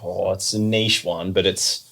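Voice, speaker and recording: A man on a podcast, talking in a measured, reflective way and often hedging with "I think". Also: low voice, steady tone, vocal fry, a bit bright. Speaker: podcast co-host. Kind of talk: casual chat.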